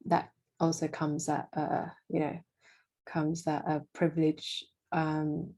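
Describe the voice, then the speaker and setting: Young woman guest, low and even in pitch, hesitant and full of fillers. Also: gravelly. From Indonesia. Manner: hesitant, many fillers and restarts. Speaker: guest, freelance marketing manager. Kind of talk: casual interview.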